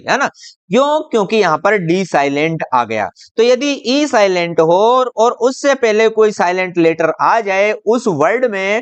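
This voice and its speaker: A patient teacher walks through a lesson in a smooth, clear voice at a middling pitch. The teacher keeps circling back, asks the viewer questions and answers them, and stretches each example word out slowly. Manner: patient and repetitive, drawing out example words slowly. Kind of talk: classroom-style explainer video.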